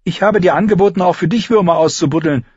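A man's voice: sits high, fast talker, husky, no room sound, lo-fi sound, pitched above the performer's own voice. A man voicing a fierce, scrappy young girl with scornful, cutting retorts.

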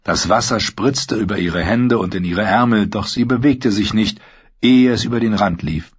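A man narrating an audiobook in a steady, measured reading. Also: lowish voice, slightly rough, no room sound. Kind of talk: scripted narration. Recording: dull lo-fi sound.

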